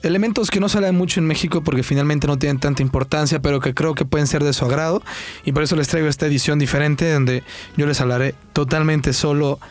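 A man's voice: a little high, steady tone, fast talker, faint music behind. Young Salvadoran man hosting a sports talk show. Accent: Salvadoran Spanish. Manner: casual and chatty, with many fillers and restarts.

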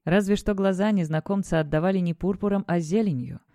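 A woman narrating an audiobook in a steady, expressive voice. Her tone is low, dark and mellow. The recording is dry and close. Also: a little fast, no room sound.

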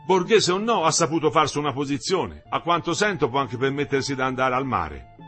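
A man's voice: mid-range voice, very animated, brisk, sharp tone, faint music behind, pitched above the performer's own voice. A man voicing Olindo, a worker who grumbles about money in a coaxing, plaintive way. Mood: grumbling. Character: Olindo, older male worker, grumbling and wheedling.

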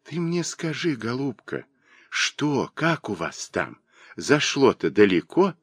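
A man doing a shrill, mocking old spinster. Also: very animated, measured pace, a bit bright, no echo, clean studio sound. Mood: wheedling. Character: spiteful gossiping old spinster woman.

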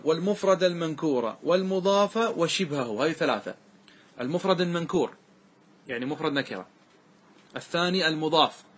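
Lecturing on grammar like a classroom teacher, a man explains each step and keeps checking his students understand. He recites verses with slow deliberation in a husky, fairly bright voice pitched fairly high.

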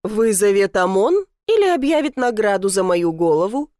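Woman doing a cool sarcastic cop in his 30s, steady and mocking, dry close mic. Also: medium pitch, normal speed, dry recording, close to an everyday voice. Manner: calm, mocking and unbothered. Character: gruff dry-witted man in his thirties, a police officer. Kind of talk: audiobook character voice.

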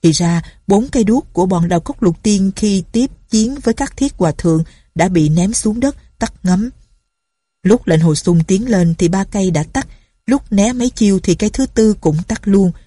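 A woman narrating a martial arts novel as an audiobook in a steady storytelling manner. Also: medium pitch, normal speed, slightly rough, dry recording.

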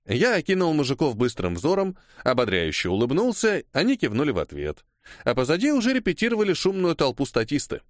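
A man reading a first-person novel aloud as audiobook narration, in an expressive manner. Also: fairly high pitch, brisk, dry recording, clean studio sound.

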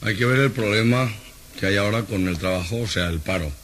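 A man, a guest comedian, telling a stand-up joke on a radio show and acting out the characters as a lively storyteller. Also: fairly low pitch, fairly quick, heavy background noise.

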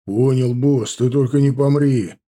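A man voicing a blunt, swearing gangster who talks loudly and roughly. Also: mid-range voice, steady tone, unhurried, natural voice. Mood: tough, blunt. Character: coarse tough male gangster, blunt and loud.

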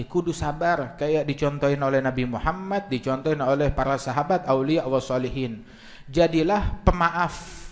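A preacher speaks to a live audience in a slightly raised voice. His talk is colloquial and joking, told as a story more than a lecture. He holds the room with an easy, humorous delivery. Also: on the high side. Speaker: Islamic preacher. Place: religious gathering with live audience, filmed.

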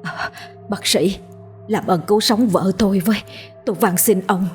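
A woman's voice: mid-range voice, normal speed, faint music behind, natural voice. A woman voicing an aging, guilt-ridden father who pleads and stammers. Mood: pleading.

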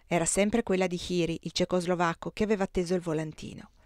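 A woman's voice: on the low side, no echo. Woman reading a novel aloud, dry sound. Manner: measured, expressive narration. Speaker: audiobook reader. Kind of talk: literary audiobook reading.

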